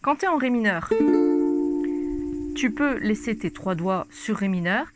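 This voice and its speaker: A woman's voice: medium pitch, lively intonation, unhurried, over loud music. A woman teaching a ukulele lesson, explaining chords step by step and speaking casually and directly to the viewer. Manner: casual, addresses the viewer informally. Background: ukulele playing.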